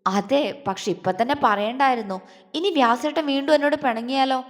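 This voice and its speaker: A woman voicing an anxious young woman who speaks in a hushed, fretful way. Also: high voice, moderate pace, natural voice. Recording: long hall reverb.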